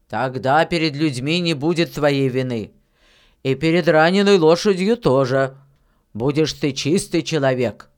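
A reader voicing a stern, grumbling old village miller in an audiobook reading of a fairy tale, speaking louder and more forcefully than the narration. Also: mid-range voice, natural voice.

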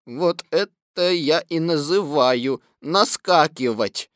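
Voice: mid-range voice, no room sound, clean studio sound, natural voice. A reader voicing a gloomy, grumbling old male donkey in an audiobook. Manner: slow, glum, long-winded. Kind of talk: audiobook reading.

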